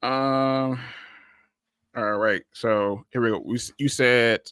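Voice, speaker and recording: A man's voice: medium pitch, takes it slowly, clear, resonant tone, no echo, clean studio sound. A man hosting a tech podcast, talking casually and loosely with lots of fillers. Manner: relaxed, rambling, with many fillers and restarts. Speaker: podcast host.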